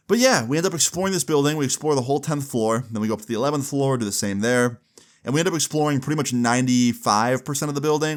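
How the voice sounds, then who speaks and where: A young adult man telling a personal story casually, in slangy, sweary language, acting out bits of dialogue as he goes. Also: mid-range voice. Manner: informal slang-heavy, swearing, acts out dialogue. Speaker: YouTube storyteller.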